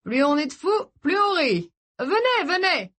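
A woman narrator voicing an exuberant man welcoming guests to a party, calling out loudly and enthusiastically. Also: high voice, very animated, measured pace, pitched above the performer's own voice, exaggerated voice.

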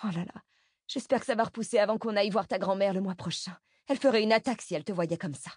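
A woman reading an audiobook voices an anxious, tearful mother who dodges questions, her voice pitched up and pleading. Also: fast talker, a little mellow, breathy edge, no echo, studio quality, natural voice. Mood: evasive.

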